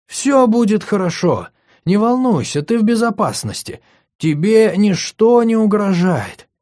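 A male audiobook reader voicing a calm, patient male healer who asks questions in a gentle, measured way. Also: fairly high pitch, voice pushed up. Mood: soothing.

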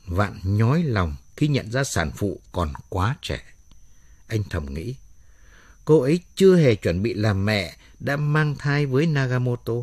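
A man narrating a dramatic story aloud in an expressive storytelling manner. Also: medium pitch, dry recording.

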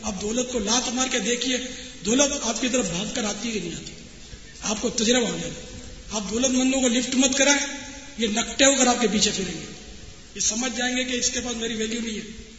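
Male preacher, very high and sharp, scolding sermon style, dull echoey hall recording. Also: slight background noise. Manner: scolding, with pointed rhetorical questions. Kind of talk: sermon to an audience.

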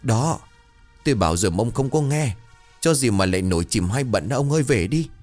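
A man voicing a frightened older village wife who begs and trembles in a shrill voice. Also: expressive, brisk, a little mellow, faint music behind, lightly acted. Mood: terrified.

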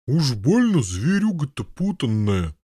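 A man putting on a gruff, husky old knight. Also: medium pitch, very animated, a little slow, dark tone, dry recording, clean studio sound. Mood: grumbling. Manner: blustering, huffy protests. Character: gruff elderly Norman knight, grumbling and stubborn. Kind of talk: audiobook character voice.

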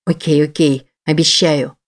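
Woman reader voicing a defiant young woman, audiobook, curt, hostile, low voice. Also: steady tone, unhurried. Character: fierce, defiant young woman in her twenties. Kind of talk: audiobook character voice.

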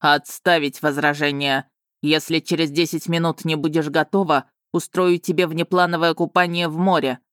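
A woman's voice: deep voice, level tone, moderate pace, dry recording, clean studio sound, lightly acted. A woman reading an audiobook voices a stern, commanding male dragon with a curt, clipped manner. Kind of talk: audiobook character voicing.

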